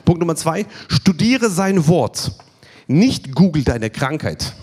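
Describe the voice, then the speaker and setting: Male preacher, lively swinging delivery, emphatic repetition, numbered points. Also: fairly high pitch, takes it slowly, breathy edge. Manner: emphatic, repeats key phrases, counts points. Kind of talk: sermon at a healing evening.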